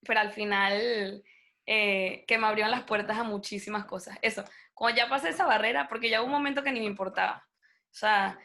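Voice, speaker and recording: Brisk and medium-pitched, a young woman who grew up speaking Spanish is being interviewed. She's chatty and spirited, dramatizing the people in her story as she goes.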